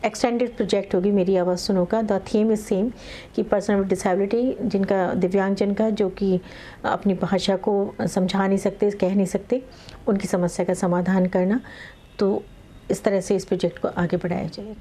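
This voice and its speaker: A middle-aged woman lawyer explaining a project in an interview, speaking in a measured way with many pauses and English legal terms. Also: mid-range voice, steady tone, mellow.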